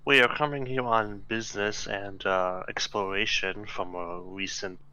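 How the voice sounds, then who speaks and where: A man's voice: lowish voice, fairly even intonation, measured pace, pushed and bright, clean tone, muffled recording. A man playing a tabletop game who speaks politely and formally in character. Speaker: player.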